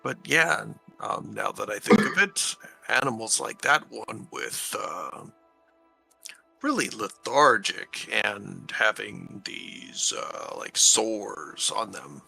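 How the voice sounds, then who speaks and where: A mild, earnest tree spirit, slow-witted and gravelly, who talks at an unhurried crawl and weighs every word before saying it , as a man puts him on in a tabletop game. The tone is bright and forceful despite the slowness. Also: fairly low pitch, big pitch swings, soft background music, exaggerated voice. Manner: slow talking, picks words carefully.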